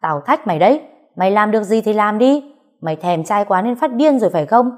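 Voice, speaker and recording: A woman voicing a fierce young wife who shouts combative, loud retorts. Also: mid-range voice, lively intonation, fairly quick, pitched above the performer's own voice, close to an everyday voice. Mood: furious.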